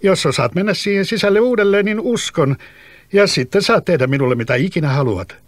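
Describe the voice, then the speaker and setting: A man's voice: sits high, lively intonation, no echo, pitched above the performer's own voice. A man voicing a clever, bold young boy, answering eagerly and with self-assurance in a storybook reading. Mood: defiant.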